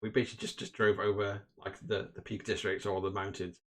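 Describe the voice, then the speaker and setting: A man's voice: fairly low pitch, flat delivery, quick pace, fairly bright tone. A man hosting and commentating a live tabletop game stream in a casual, chatty way, with lots of fillers and restarts. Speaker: host and commentator.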